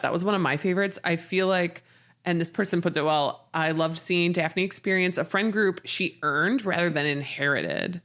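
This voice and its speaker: A podcast host chats casually and informally about books. Her voice is lowish with a fairly bright tone.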